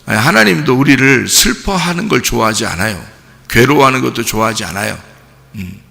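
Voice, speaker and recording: Man, pastor, gravelly bright voice, emphatic sermon, rhetorical questions, reverb of a church hall. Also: mid-range voice, animated, fairly quick. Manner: emphatic, asks the congregation questions.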